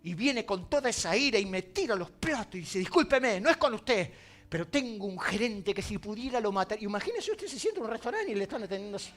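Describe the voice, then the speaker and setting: A male pastor with an Argentine accent preaching a sermon, swinging from loud emphasis to quiet, confiding asides. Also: high-pitched, lively intonation, fast talker. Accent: Argentine Spanish.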